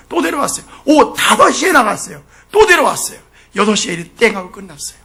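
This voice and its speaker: High gravelly Korean pastor preaching. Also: male voice. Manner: emphatic, asks the congregation questions, swings from quiet asides to shouting. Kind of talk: sermon.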